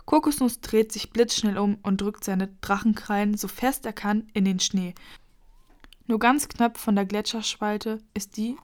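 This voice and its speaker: A woman reading a children's story aloud in a lively, expressive way. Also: mid-range voice.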